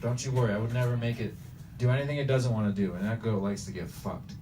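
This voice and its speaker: A man's voice: medium pitch, fairly even intonation, fast talker. A man doing crude, brash stand-up for people in a game store. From Bosnia. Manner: brash, provoking the crowd. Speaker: stand-up comedian. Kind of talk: crude improvised stand-up in a shop. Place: retro video game store. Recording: far from the mic, noisy store.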